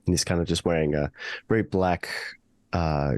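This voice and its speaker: A man's voice: deep voice, steady tone, moderate pace, a little mellow. A man playing a tabletop game, describing his character. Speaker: player.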